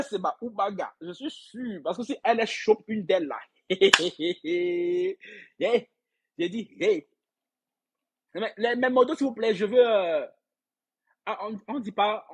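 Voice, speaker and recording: A man's voice: sits high, husky. A man hosting a casual gossip live stream, reading out viewer comments. He rambles, repeats words and laughs often as he talks straight to his viewers. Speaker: livestream gossip host.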